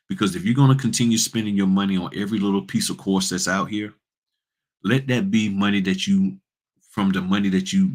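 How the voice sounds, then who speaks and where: Deep-voiced man giving blunt straight talk. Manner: blunt, rhetorical, teasing. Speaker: notary business channel host. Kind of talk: casual, preachy straight-talk monologue.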